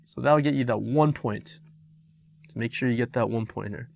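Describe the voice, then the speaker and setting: A middle-aged Korean-speaking teacher goes over an exam answer with his students in a gravelly, mid-pitched male voice. He speaks haltingly, with lots of "uh" and "um," and often restarts his phrases.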